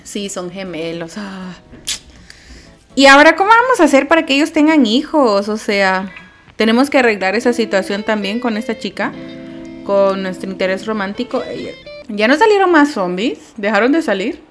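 A woman casually commenting on her life-simulation game, chatty and quick to shriek in alarm. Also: medium pitch, animated, faint music behind. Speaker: gameplay commentator. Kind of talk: casual let's-play commentary.

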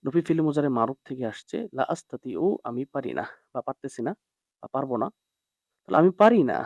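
In a classroom lesson, a man with a medium-pitched voice goes through an Arabic text line by line, translating every word and checking on his students. The recording is dry, dull and lo-fi.

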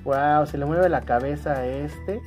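Unhurried and a little mellow, his slightly high voice guides viewers through a casual toy unboxing. Joyful exclamations and cutesy diminutives keep popping up, with music in the background.

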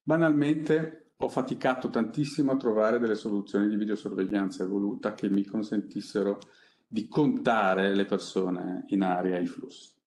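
Low-voiced man in echoey conference room. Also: steady tone, a little mellow, a little hiss or hum. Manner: conversational, unscripted, halting with frequent pauses. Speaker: company innovation director presenting a project. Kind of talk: panel presentation. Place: conference room seated at a panel table.

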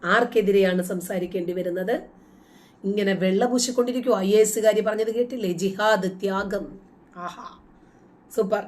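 A woman's voice: mid-range voice, fairly even intonation, moderate pace, a little mellow. A woman with a Malayali accent giving scornful commentary, full of mocking rhetorical questions, sometimes chanting quoted verses. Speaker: host. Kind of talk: casual commentary.

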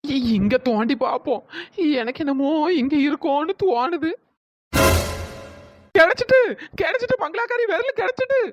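Bossy young woman for a cartoon, voiced by a performer: high, pushy, scolding. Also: normal speed, dull audio, music in the background, lightly acted.

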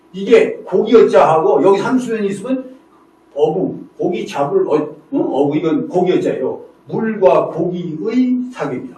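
A man giving a lively storytelling lecture, with frequent questioning asides to his audience. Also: sits high. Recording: echoey room, distant mic.

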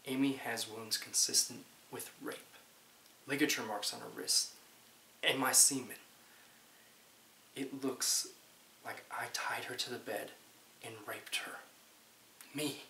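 A young American man in his twenties acting a dramatic monologue as a bitter, aggrieved man who says he was framed, defensive and halting. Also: medium pitch, steady tone, vocal fry, sharp tone. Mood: grim, wounded. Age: 20s. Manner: defensive, emphatic, swearing, halting. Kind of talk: dramatic monologue, naturalistic audition-style acting. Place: small plain indoor room. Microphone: camera mic a few feet away. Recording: roomy home recording with hiss.

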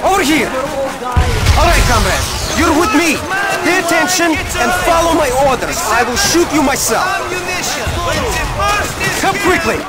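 A stern Soviet officer, barks commands in a war video game. The voice is pushed very high, urgent and threatening, with loud music behind it. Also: male voice, animated, measured pace, long pauses, a loud crowd. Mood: stern urgency. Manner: barking, commanding. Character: stern, threatening Soviet officer leading a recruit under fire. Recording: loud music and explosions over voice.

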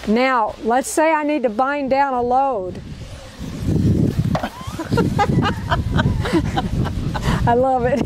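A high-voiced woman runs an outdoor knot-tying demonstration for a group in a park, her pitch swooping wildly, words drawn out and broken by long pauses. Upbeat, she repeats each step and checks in with the group, though the recording is very noisy.

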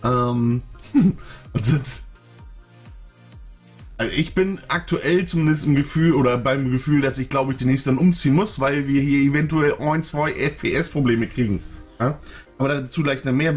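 A man's voice: mid-range voice, fairly even intonation, moderate pace, soft background music. A man hosting a gaming livestream, chatting loosely and upbeat with lots of fillers and chuckles. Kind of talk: casual livestream chat.

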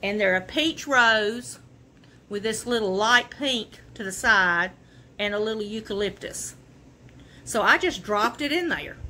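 This woman's medium-pitched, sharp-toned voice moves at a measured pace with lively intonation. Sitting in her living room, she casually displays her thrift-store purchases for the camera, chatting in a homey, folksy manner.

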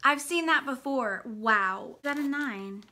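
A woman hosting a casual unboxing vlog, gushing and giggling, often muttering softly to herself as she opens things. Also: sits high, measured pace. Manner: excitable, giggly, gushing exclamations. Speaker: channel host.

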